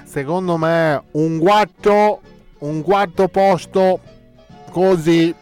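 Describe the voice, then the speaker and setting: A man puts on a crude, indignant Neapolitan singer phoning a comedy radio show. His voice sits fairly high and blusters in vulgar Neapolitan street slang, with faint music underneath. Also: steady tone, takes it slowly, darkish tone, clean tone. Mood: cocky. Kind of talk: comic phone-in character on a radio show.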